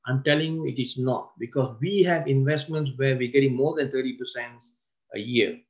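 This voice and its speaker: A man presenting a wealth seminar as a lecture. He slows down to stress key words and often breaks off and restarts his sentences. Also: medium pitch, a little mellow.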